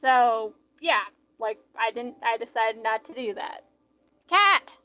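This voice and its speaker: A woman's voice: on the high side, little pitch movement, unhurried, lo-fi sound. A young woman streaming and reading out live chat in a casual, rambling way, full of "like" fillers.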